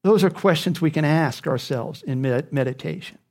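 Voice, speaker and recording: A man's voice: on the high side, normal speed, a little mellow. A man preaching a sermon, speaking earnestly and repeating key phrases for emphasis.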